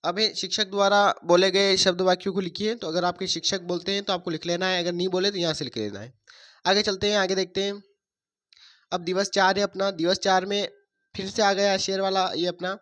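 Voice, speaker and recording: A man's voice: high-pitched, steady tone, a little fast, fairly bright tone. A man teaching a workbook lesson, reading stories aloud and explaining answers step by step. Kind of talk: workbook lesson read-through.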